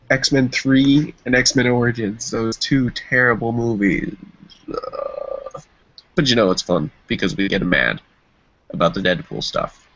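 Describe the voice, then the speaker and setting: A man's voice: mid-range voice, fairly bright tone, no echo. A man co-hosting a podcast, joking around and rambling through his plugs. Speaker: podcast co-host. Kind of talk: casual podcast banter. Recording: dull lo-fi livestream audio.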